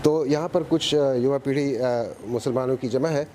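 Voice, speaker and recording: A man's voice: medium pitch, moderate pace, warm tone, a little hiss or hum. A man reporting from the street, asking probing questions and restating the answers back. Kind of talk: street interview.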